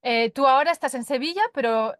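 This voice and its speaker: A woman hosting a podcast from her kitchen, welcoming and bright, who gives short listening sounds while her guest talks. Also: high-pitched, quick pace, no room sound, clean studio sound. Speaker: podcast host. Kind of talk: scripted intro then interview. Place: home kitchen.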